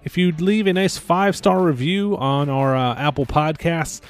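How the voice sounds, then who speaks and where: A man's voice: on the high side, steady tone, moderate pace. A man hosting a podcast, chatty and upbeat, with many filler words, speaking from a podcast studio. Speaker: podcast host.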